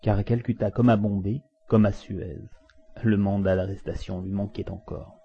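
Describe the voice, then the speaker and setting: A man narrating a classic adventure novel aloud in an expressive, dramatic reading style. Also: on the low side, moderate pace, husky. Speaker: audiobook narrator. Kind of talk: storybook narration. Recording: dull lo-fi recording.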